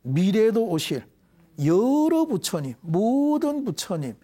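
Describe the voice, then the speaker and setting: A middle-aged man leading a Buddhist prayer and explaining scripture terms to a class in a deliberate, measured way. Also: high-pitched, sing-song, dark tone. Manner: deliberate, measured, leads call-and-response repetition. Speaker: Buddhist dharma teacher. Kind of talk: devotional prayer and explanatory dharma lecture.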